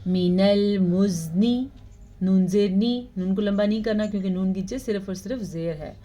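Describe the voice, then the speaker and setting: A woman teaching Quran recitation, explaining pronunciation rules and reciting verses very slowly with drawn-out sounds. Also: medium pitch, dark tone. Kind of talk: tajweed lesson with slow recitation.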